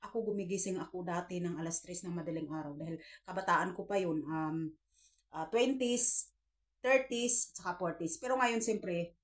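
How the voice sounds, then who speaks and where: A woman's voice: lowish voice, normal speed. A woman in her fifties giving earnest, preachy life advice to her viewers in a casual vlog, often calling them "guys". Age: 50s. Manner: earnest, preachy, addresses viewers as guys, acts out quoted dialogue.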